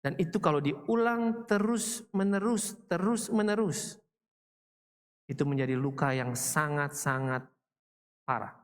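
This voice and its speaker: A man's voice: on the high side, expressive, unhurried. A male pastor preaching a sermon in a conversational way, telling personal stories and acting out quoted remarks. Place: large church hall. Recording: long church hall reverb.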